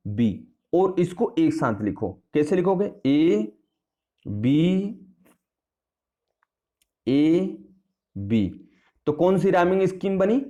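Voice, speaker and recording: A man's voice: high voice, big pitch swings, very slow, long pauses, mellow, dull audio. A man teaching an English poetry lesson in a classroom style, repeating points and asking and answering his own questions while addressing students familiarly. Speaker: English tutor.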